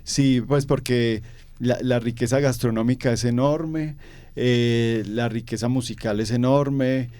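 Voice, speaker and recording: Warm, clear, and resonant, the mid-range voice of a young Colombian man with a paisa accent moves a little slowly and keeps a steady tone. As an interview guest, he gives thoughtful, conversational answers full of fillers and repeated words. No room sound is audible.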